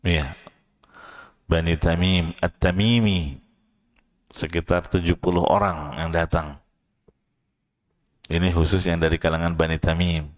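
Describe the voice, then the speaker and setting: A man's voice: deep voice, steady tone. A man with an Indonesian accent teaching a study session in a mosque. He explains in plain everyday speech and often checks in with his listeners. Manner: chants verses slowly, then raises his voice to act out the shouting. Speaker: Quran teacher.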